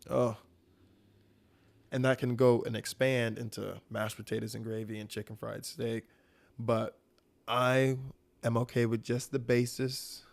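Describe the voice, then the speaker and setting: A man's voice: mid-range voice, creaky, darkish tone. A young man from the American South hosting a casual solo podcast, talking about food with enthusiastic, rambling energy and casual swearing. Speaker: podcast host.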